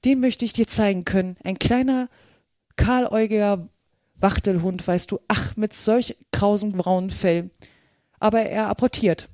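A woman reading a storybook and voicing a curious, polite little girl in a raised, girlish pitch. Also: unhurried, dark tone, dry recording, clean studio sound, lightly acted. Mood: chatty.

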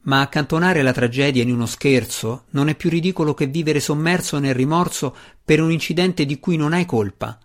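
A man voicing an earnest, wry dark elf warrior, speaking in a pressing, slightly raised voice. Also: fairly high pitch, normal speed, hardly any pauses, natural voice.

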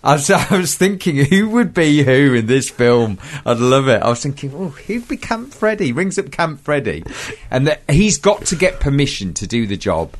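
Animated man chatting about films. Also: mid-range voice, normal speed. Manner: animated, chatty, asks for agreement. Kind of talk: casual film chat.

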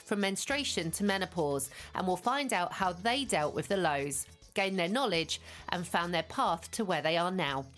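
A woman hosting a podcast, reading a scripted introduction and then interviewing her guest in an upbeat, clear presenter manner. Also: lowish voice, expressive, normal speed, few pauses, fairly bright tone, faint music behind. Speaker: podcast host.

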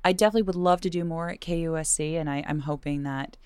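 A woman with a husky voice and some vocal fry, chatting casually in an interview about her work. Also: steady tone, fast, darkish tone, no room sound. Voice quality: low-pitched vocal fry. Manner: chatty, conversational. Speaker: radio host and classical singer, being interviewed. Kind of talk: casual chat.

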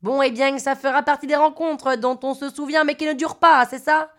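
A woman's voice: high voice, fairly even intonation, fairly quick, a bit bright, pitched above the performer's own voice. A woman playing a frank young Marseille guy. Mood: frank, wistful. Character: easygoing young Frenchman from Marseille.

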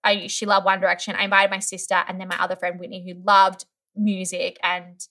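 A young woman with a lowish voice talks briskly as a guest in an easygoing chat. She narrates a story with animation, using "like" a lot and acting out other people's voices.

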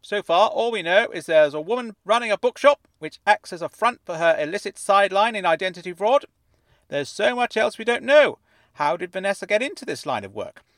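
A man voicing an excitable middle-aged newspaper writer with a fuzzy, wobbly, slightly distorted voice and a gushing way of talking. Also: high voice, fairly quick, no room sound, pitched above the performer's own voice. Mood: excited. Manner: effusive, gushing, rambles when excited.

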